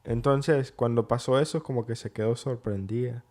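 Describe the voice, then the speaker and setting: A man co-hosting a casual chat, telling his side of a story in a relaxed way and slipping English phrases into his speech. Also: medium pitch, moderate pace. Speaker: co-host.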